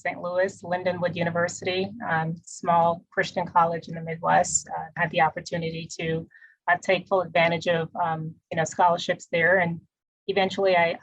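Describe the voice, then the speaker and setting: A woman from the Bahamas, a guest on a podcast, chatting in a relaxed way with many fillers. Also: on the low side, muffled recording. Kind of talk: casual interview chat.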